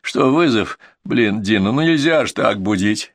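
A man voicing a gruff, tired male ambulance doctor with a stern, mocking manner, in a storybook reading. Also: fairly low pitch, expressive, unhurried, dry recording.

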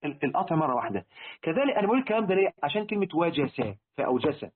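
A religious teacher with an Egyptian Arabic accent gives a lesson on word meanings, posing rhetorical questions to his listeners and repeating key words. His fairly high voice is sing-song and racing. The recording is tinny and lo-fi, like a phone.

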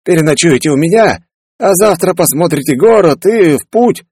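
A man's voice: fairly high pitch, expressive, normal speed, darkish tone, husky, no room sound, clean studio sound, pitched above the performer's own voice. A man voicing a kindly, hospitable male shopkeeper, friendly and welcoming.

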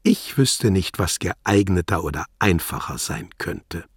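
A man voicing a scornful, threatening embassy secretary with a guttural, rasping snarl. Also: low voice, animated, measured pace, dry recording, studio quality, full character voice. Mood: dismissive. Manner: mocking, threatening, condescending. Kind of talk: audiobook character voice.

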